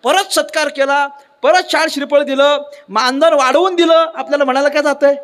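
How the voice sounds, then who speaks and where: A man from Maharashtra preaching a devotional sermon as a lively storyteller, who keeps tossing rhetorical questions at the crowd. His voice is strikingly high for a man. It carries through a long, ringing hall reverb. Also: a little fast, background noise. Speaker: kirtan preacher.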